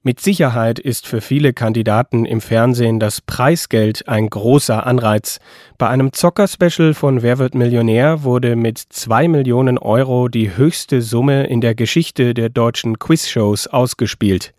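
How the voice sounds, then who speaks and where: A man reading a scripted documentary voice-over in an even, informative tone. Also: medium pitch, a little slow, no room sound, studio quality. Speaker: documentary narrator.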